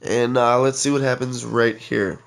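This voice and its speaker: Narrating his own mobile game match, this young man who runs a gaming channel chats directly with his audience, repeatedly addressing them as guys. He sounds congested and stuffed-up, with a gravelly, medium-pitched voice, flat delivery and normal speed.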